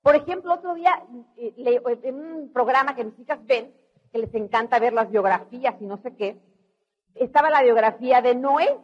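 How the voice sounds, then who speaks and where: A middle-aged woman with a Mexican accent giving an animated motivational storytelling talk, acting out voices. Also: on the high side, normal speed. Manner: animated, acts out quoted voices. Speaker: motivational speaker. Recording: dull lo-fi recording.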